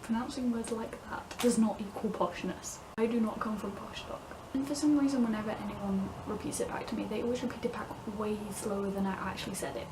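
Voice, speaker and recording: A young woman from the north West Midlands of England rambles casually to camera as a vlogger, laughing often and saying "like" a lot. Her accent blends Midlands-northern English with southern vowels, and her mid-range voice is steady, a little fast, with few pauses. The mic is distant, giving clear room ambience over a noisy background.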